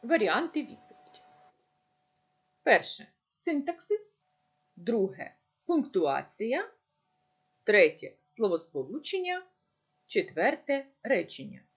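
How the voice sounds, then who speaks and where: A woman teacher giving a recorded lesson, speaking slowly and deliberately as if dictating. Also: a little high, wildly swooping pitch, slightly rough, lo-fi sound. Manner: slow, deliberate dictation-like delivery.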